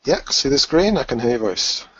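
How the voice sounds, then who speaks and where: A man's voice: mid-range voice, sing-song, fairly quick, a bit bright, breathy edge, dry recording. A man moderating a webinar and introducing the next speaker over a video call, with many hesitant fillers. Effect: heard over a video call. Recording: distant, dull video-call audio.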